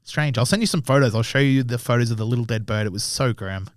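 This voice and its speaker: A man's voice: medium pitch, quick pace, no echo. Male guest, young, loose storyteller, does voices, dry mic. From Australia. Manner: swears often, acts out voices in his anecdotes. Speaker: podcast guest, tattoo artist. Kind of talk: casual storytelling chat.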